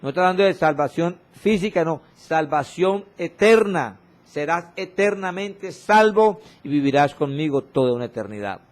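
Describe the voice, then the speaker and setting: Expressive and slow, a man preaches a sermon broadcast on radio, reading from scripture and repeating exhortations as refrains. He frequently lowers his voice to a soft hush for emphasis.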